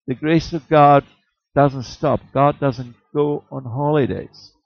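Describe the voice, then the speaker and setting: A man's voice: a little high, slow, gravelly, no echo. A man preaching a sermon, rhetorical and emphatic, repeating words and chuckling at his own jokes. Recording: dull, slightly muffled dry recording.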